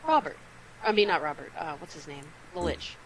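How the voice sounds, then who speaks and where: A woman playing a tabletop game over a call, animated, often laughing and slipping into character. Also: deep voice, brisk, a little hiss or hum, poor audio. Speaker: player.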